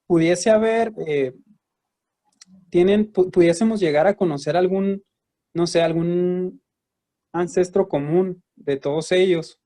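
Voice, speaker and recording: A man's voice: sits high, takes it slowly, pauses often, dark tone. A man moderating a question session, asking questions hesitantly with many restarts.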